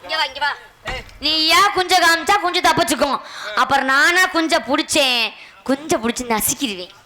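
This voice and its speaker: A woman's voice: high voice, moderate pace, sharp tone. A woman performing live village stage comedy, teasing and declaiming in a mock-formal way through a stage mic. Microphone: stage mic set.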